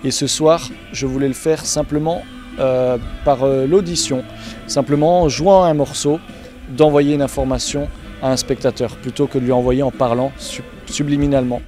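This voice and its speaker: A man explains his work as a mentalist in a conversational interview. His pitch is average for a man, and music plays softly behind him. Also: steady tone, moderate pace. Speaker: mentalist magician.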